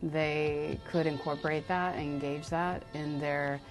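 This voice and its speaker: A woman teacher with a low voice speaks in a reflective, measured way. Soft music plays behind her. She is giving a documentary interview. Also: fairly even intonation. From San Diego, California. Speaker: writing teacher. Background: background music.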